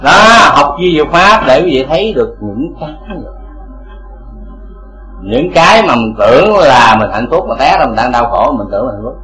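A man's voice: mid-range voice, big pitch swings, normal speed, reverberant, music in the background, rough recording. A man teaching Buddhist dharma to a congregation, asking rhetorical questions again and again.

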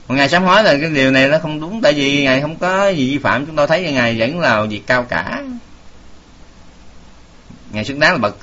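Bright-voiced preacher. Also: male voice, a little high. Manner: folksy, with many filler sounds, addressing the audience. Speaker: Buddhist preacher. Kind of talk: sermon storytelling. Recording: dull lo-fi recording.

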